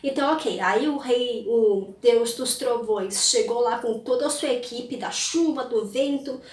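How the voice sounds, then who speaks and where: A woman's voice: on the high side, measured pace, a little mellow. A woman telling an old legend in a chatty, casual way, often checking in with the listener. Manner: chatty, adds tag questions. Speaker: storyteller of a culture channel. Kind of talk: casual myth storytelling. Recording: roomy, mic at a distance.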